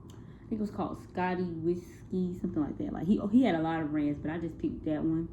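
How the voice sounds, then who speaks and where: Low-voiced young woman, tinny phone recording. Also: steady tone, brisk, noisy background. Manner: hesitant, many fillers and self-corrections. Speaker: student presenting a music project. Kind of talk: casual spoken class presentation.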